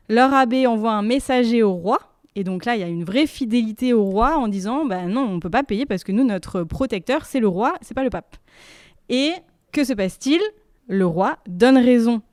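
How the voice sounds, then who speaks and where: Woman researcher, crisp resonant voice, dry close sound, animated storyteller. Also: mid-range voice, dry recording. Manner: lively storytelling with asides. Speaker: researcher guest. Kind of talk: explaining history in an interview. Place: research institute room.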